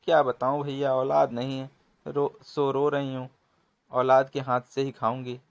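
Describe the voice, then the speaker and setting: A man voicing a cunning, scheming village woman who wails and exclaims loudly in a comic storybook. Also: medium pitch, little pitch movement, unhurried, gravelly. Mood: wheedling. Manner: wailing, exclaiming.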